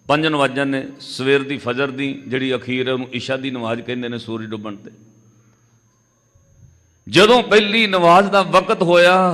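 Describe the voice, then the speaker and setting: A man preaching a Sikh katha sermon, telling a story with lively delivery, sometimes breaking into melodic chanting. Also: a little high. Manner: animated storytelling, acting out dialogue in quotes. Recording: long hall reverb.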